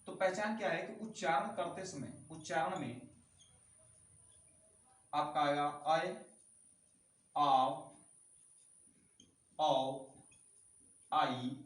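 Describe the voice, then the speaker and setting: A man's voice: sits high, a bit bright, recorded from a distance. A man teaching a grammar lesson, explaining step by step, repeating key sounds and asking the class rhetorical questions. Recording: echoey room, voice from off-mic.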